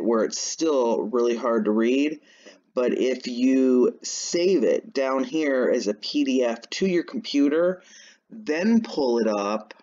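A man with a mid-range, darkish voice casually narrates a screen-share walkthrough for his channel, wandering off topic and saying "um" and "anyways" a lot. The sound is lo-fi.

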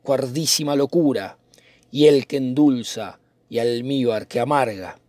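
A man's voice: medium pitch, a little slow, a little mellow, dry recording, close to an everyday voice. A man reading the part of a brooding, poetic young nobleman in a dramatic reading of a play, in a theatrical, declaiming manner. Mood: lovesick.

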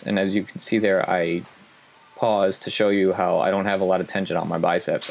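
A young man gives a casual voice-over explaining his gym workout in a relaxed coaching tone. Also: low-pitched. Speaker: fitness vlogger.

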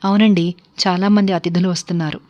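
A woman's voice: on the low side, little pitch movement, fast, a little mellow, close to an everyday voice. A woman voicing a terse, formal male butler who answers in clipped replies. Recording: dull lo-fi recording.

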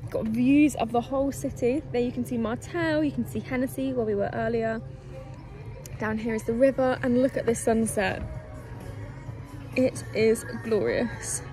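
Talking to viewers from a camera held at arm's length, a young travel vlogger gives upbeat, casual narration outdoors in a town and on a rooftop terrace. Her mellow voice is on the high side, steady and at normal speed. The audio is poor, with music playing beneath her.

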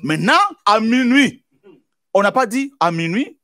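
A man preaching a sermon as pastor, with repeated exclamations and bursts of shouting. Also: sits high, animated, measured pace, slight background noise.

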